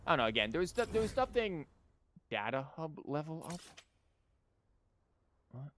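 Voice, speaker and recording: Here the same kind of game streamer sounds a little high and very animated, speaking at a moderate pace with a slightly bright tone. He rambles informally and thinks aloud with false starts, and there's slight background noise.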